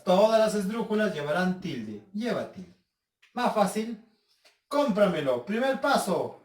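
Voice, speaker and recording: A male teacher giving a recorded lesson at a whiteboard. He explains step by step, repeats key points and asks rhetorical questions. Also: high-pitched. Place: room with a whiteboard. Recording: echoey room, distant mic.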